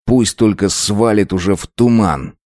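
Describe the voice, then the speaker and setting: A man narrating a first-person story in a measured, dramatic reading. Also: fairly low pitch, darkish tone, no echo, studio quality.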